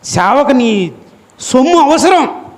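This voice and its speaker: A man preaching a fiery, scolding sermon as pastor, voice climbing to shouts. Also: extremely high pitch, very animated, slow pace. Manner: scolding, emotional, rises to shouting; acts out congregation members in quoted asides.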